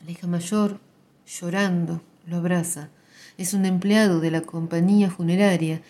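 Quiet, mellow woman narrator. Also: on the low side, fairly even intonation, moderate pace. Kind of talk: literary reading.

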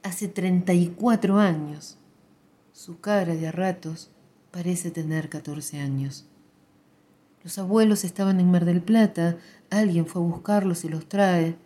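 A woman reads a literary text aloud in a quiet, measured way. Her low-pitched, dark voice carries a mellow warmth.

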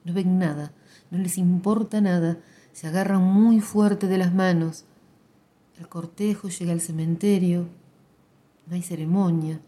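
A woman narrator, reading a literary text in a quiet, measured way. Her voice is low-pitched and dark, with a mellow warmth. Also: steady tone.

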